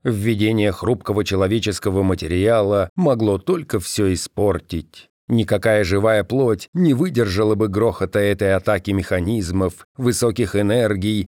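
Male audiobook narrator, low and measured, dry booth sound. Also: a little mellow, no room sound. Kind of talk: audiobook reading.

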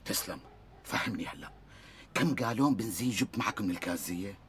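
An anxious man with a Levantine Arabic accent, his fast, bright voice swinging widely in pitch as a reluctant accomplice. He pleads and frets with a lot of worry. A faint outdoor ambience sits behind him. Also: animated, slight background noise. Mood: worried. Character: nervous, reluctant friend dragged into arson.

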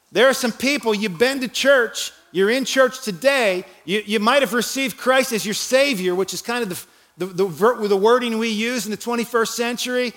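Bright high-voiced man preaching. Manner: preaching with dramatic swings in volume and pitch, shouting the cries. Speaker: pastor. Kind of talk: sermon.

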